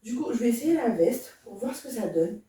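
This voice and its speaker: Young woman, beauty vlogger, chatty and soft-spoken, mellow voice, very echoey room, distant from the mic. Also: on the high side, animated, brisk. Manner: chatty, enthusiastic, addresses viewers directly. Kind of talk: casual get-ready-with-me vlog. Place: indoor room. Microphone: camera standing at a distance.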